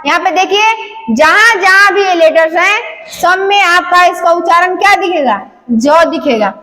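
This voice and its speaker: A woman teaches a classroom lesson in a very high voice. She keeps asking her own questions and answering them, saying each example word twice. Her voice rings with a long reverb. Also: normal speed, sharp tone. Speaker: English teacher.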